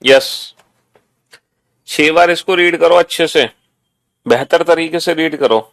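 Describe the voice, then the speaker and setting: A man teaching an online exam-prep lesson, drilling students slowly and repetitively, calling them beta. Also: on the high side, vocal fry, fairly bright tone.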